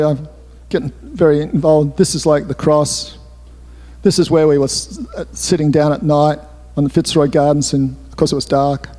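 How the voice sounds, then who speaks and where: A man's voice: on the high side, mellow. An author telling a candid, rambling story with asides, speaking in a hall with his slides. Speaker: author giving a talk. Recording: roomy hall reverb.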